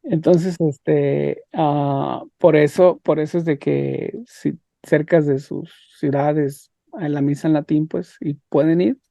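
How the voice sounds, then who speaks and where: A man teaching an online religion class, talking haltingly with repeated words and rhetorical questions. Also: fairly high pitch, steady tone, vocal fry, warm tone, dry recording. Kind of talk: leading an online class discussion.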